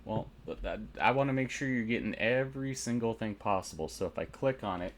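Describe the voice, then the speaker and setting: A man's voice: fairly low pitch, expressive, fairly quick, slight background noise. A man narrating a tabletop game as game master, methodically explaining rules and dice rolls.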